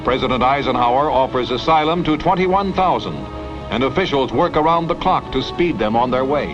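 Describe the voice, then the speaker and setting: A man's voice: mid-range voice, brisk. A man giving scripted, emphatic newsreel narration, heard as an old newsreel soundtrack. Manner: dramatic, emphatic announcer delivery. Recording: dull lo-fi vintage newsreel audio with music. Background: music.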